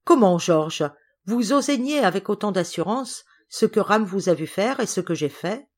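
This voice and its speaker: A woman's voice: medium pitch, expressive, moderate pace, natural voice. A woman reading the lines of a prim, indignant lady cousin in an audiobook, precise and accusing.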